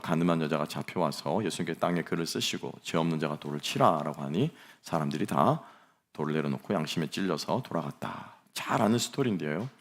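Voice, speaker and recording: A middle-aged male pastor preaches a sermon, retelling a vivid scene and turning to the congregation with rhetorical questions. His voice sits low with a gravelly edge. His pitch rises and falls in a lively way.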